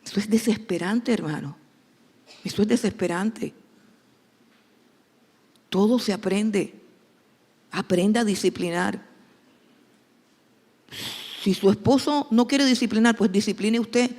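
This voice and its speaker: A woman's voice: medium pitch, a little slow, pauses often, darkish tone. A woman pastor delivers a sermon. She speaks emphatically and repeats key lines to drive them home. Her voice carries a long echo, as if recorded in a large church hall.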